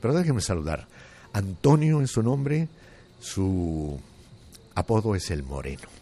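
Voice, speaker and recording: A man's voice: deep voice, sing-song, unhurried, mellow. A man hosting a radio show, talking in a folksy, rambling way. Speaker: radio host. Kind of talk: casual radio chat.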